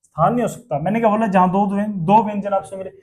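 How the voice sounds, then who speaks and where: A man's voice: high-pitched, very fast, darkish tone. A man teaching a class, asking questions and repeating the answers himself. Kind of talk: classroom lesson.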